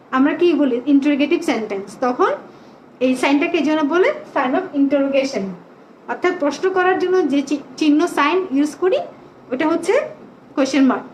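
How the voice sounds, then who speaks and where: A woman teaching an English class to young children online, slowly stretching out example sentences for them to repeat. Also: high voice. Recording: echoey room, faint background noise.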